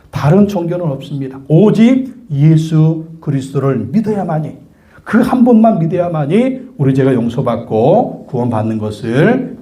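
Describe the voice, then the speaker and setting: A man's voice: a little high, dark tone, lo-fi sound. A male pastor delivering a sermon emphatically, with frequent rhetorical questions.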